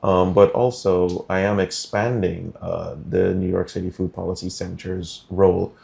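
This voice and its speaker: Man, low pitched, gravelly, middle-aged, measured, guest in a studio interview. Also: little pitch movement, dark tone. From Guyana. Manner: measured, deliberate, many um fillers. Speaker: interview guest, food policy director.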